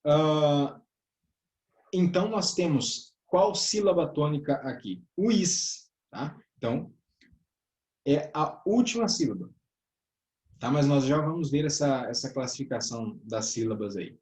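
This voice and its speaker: A man's voice: fairly high pitch, lively intonation, a little slow, a little mellow. A man teaching a classroom grammar lesson in a southern Brazilian accent. He explains step by step, often ends phrases with a checking "tá?" or "né?", and addresses his listeners as brothers. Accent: southern Brazilian Portuguese. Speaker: teacher of a church workers' course. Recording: echoey room.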